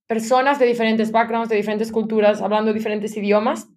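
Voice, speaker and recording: A Spanish woman in her thirties is a guest in a conversational interview in London, chatting freely and sprinkling English business terms into her speech. Her voice is fairly high and slightly mellow, with a level tone and a brisk pace.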